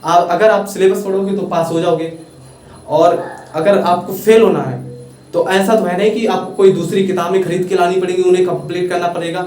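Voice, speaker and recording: A young Indian man with an Indian accent teaching English vocabulary in a casual lesson, repeating and spelling out words slowly. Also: high-pitched, steady tone, a little mellow, soft background music. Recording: echoey room, far from mic, faint hiss.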